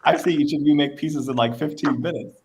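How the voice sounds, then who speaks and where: Brief: gravelly-voiced male host, chatty livestream banter, faint noise behind. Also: fairly high pitch, fairly even intonation, brisk, darkish tone. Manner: chatty, laughs often, reads viewer questions. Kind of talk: casual livestream chat. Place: West Coast of the United States.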